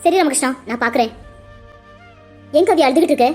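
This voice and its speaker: Woman doing a calm older cartoon woman. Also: sits high, fast talker, soft background music, lightly acted. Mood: soothing. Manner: soothing, instructing. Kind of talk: cartoon voice acting.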